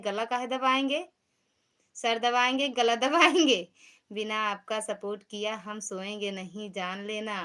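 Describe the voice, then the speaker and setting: A woman's voice: mid-range voice, a bit bright. A woman with an Awadhi accent hosting a casual live stream, chatting and teasing as she greets viewers by name. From Uttar Pradesh.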